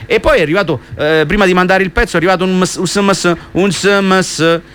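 A man's voice: high-pitched, a little fast, fairly bright tone, clear, resonant tone. A man hosting an evening radio show, chatting, reading dedications and reading a storybook aloud, often repeating his words. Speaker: radio host.

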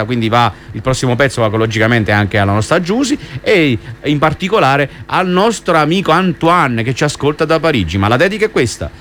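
A man's voice: fairly high pitch, a bit bright. Guy hosting a night radio show, chatty, says stuff twice, reads a kids book aloud, faint hiss behind. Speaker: radio host. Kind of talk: evening radio show with dedications and a story reading.

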